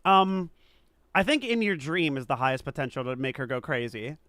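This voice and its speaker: A man's voice: a little high, sing-song, normal speed, sharp tone, no room sound. A young man streaming a video game, chatting playfully and theorizing aloud about the story. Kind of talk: casual gaming commentary.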